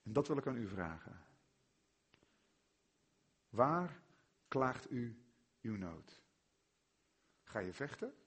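A male preacher with a Netherlands Dutch accent, his voice slightly husky and unhurried. He leans on rhetorical questions, dropping to near-hushed tones and then rising to loud, emphatic declarations. His pitch moves freely as he presses each point. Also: very animated. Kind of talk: sermon.

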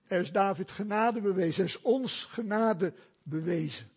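A man preaching a sermon in a church, slow and emphatic, asking rhetorical questions. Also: sits high, slightly rough. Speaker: pastor.

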